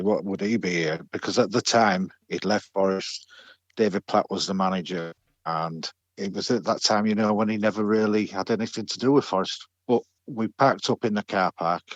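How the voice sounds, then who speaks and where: A man's voice: deep voice, dry recording. A middle-aged man telling a personal story as a podcast guest, chatty and hesitant, with many fillers and restarts. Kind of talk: storytelling in a casual interview.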